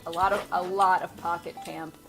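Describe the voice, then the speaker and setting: Relaxed woman over clear game music. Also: fairly low pitch, moderate pace, low-quality recording. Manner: relaxed, hesitant, with many ums and little laughs. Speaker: guest, creative manager. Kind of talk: casual chat while showing gameplay.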